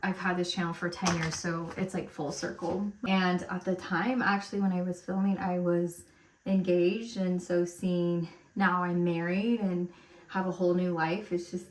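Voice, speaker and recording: A woman's voice: lowish voice, a little mellow. A woman in her thirties chatting casually while getting ready, rambling with lots of fillers, recorded at home. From Romania, raised in America. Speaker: lifestyle vlogger. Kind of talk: casual get-ready-with-me chat. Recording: roomy echo, mic at a distance.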